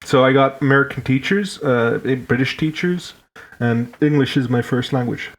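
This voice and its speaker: A Finnish-accented man who grew up in Hong Kong chats casually on a podcast as a guest, joking around and often restarting his words. His voice sits at a medium pitch and he speaks at a moderate pace.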